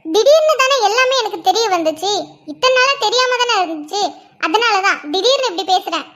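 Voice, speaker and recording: A woman's voice: extremely high pitch, expressive, brisk, fairly bright tone. A woman voicing a furious young wife in a cartoon drama, accusing and scornful. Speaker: cartoon character voice.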